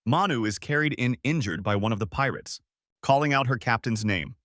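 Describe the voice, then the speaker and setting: A man narrating a story recap in a scripted, expressive storytelling manner. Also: medium pitch, brisk, no room sound, studio quality.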